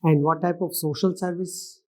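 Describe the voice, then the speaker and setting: A man with an Indian accent putting formal questions as an interview panelist, halting and often rephrasing himself. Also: sits high, fairly even intonation. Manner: halting, repeats and reformulates questions.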